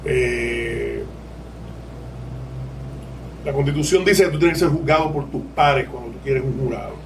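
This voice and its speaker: A man's voice: medium pitch, unhurried, creaky, far from the mic, noisy background. A man with a Puerto Rican accent, a lawyer speaking as a podcast guest, candid and digressive, laughing as he explains. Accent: Puerto Rican Spanish. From Puerto Rico. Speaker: lawyer and legal aid board president, guest. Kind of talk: podcast interview.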